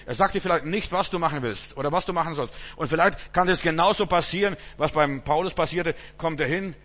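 A man preaching a sermon, swinging between loud emphatic bursts and low quiet asides. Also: a little fast, big-room sound.

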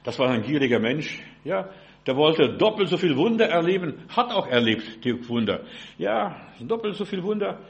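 A man's voice: on the high side, big pitch swings, normal speed, gravelly, highs cut off. A man preaching a sermon in an informal, direct way. He speaks to listeners as "du", says "ja" often and keeps asking if they understand.

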